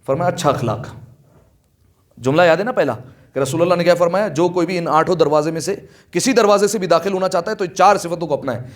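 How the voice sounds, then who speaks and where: Impassioned man preaching a sermon. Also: sits high. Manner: impassioned storytelling, rising loud for quoted lines, asks the audience questions. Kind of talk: Urdu majlis sermon. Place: religious hall.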